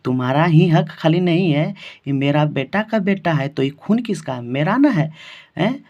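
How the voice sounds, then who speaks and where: Guy doing furious old granny with a bihari accent, scolding hard, kinda high voice, muffled lo-fi sound. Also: expressive, normal speed, darkish tone. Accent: Bihar Hindi. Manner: scolding, indignant. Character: angry old grandmother scolding her daughter-in-law. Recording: dull lo-fi recording.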